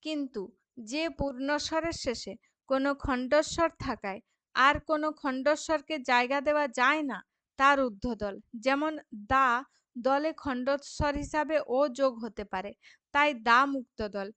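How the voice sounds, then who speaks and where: A woman's voice: high voice, moderate pace, pushed and bright, no room sound. A woman teaching a school grammar lesson, patient and repetitive, often stopping to check that students follow. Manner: patient, repeats examples and asks checking questions. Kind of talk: classroom lesson explaining grammar.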